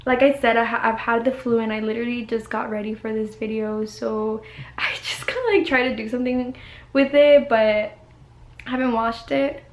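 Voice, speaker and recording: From her bedroom, a giggly college-student vlogger in her 20s chats to the camera as she gets over the flu, saying "like" and "y'all" a lot. She speaks at a moderate pace with a fairly high pitch and fairly even intonation, in a reverberant space.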